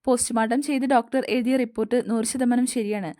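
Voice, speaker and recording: A woman voicing a troubled young man who haltingly confesses a crime in an audio story. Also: fairly high pitch, steady tone, warm tone, close to an everyday voice. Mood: remorseful. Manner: halting, guilt-ridden confession.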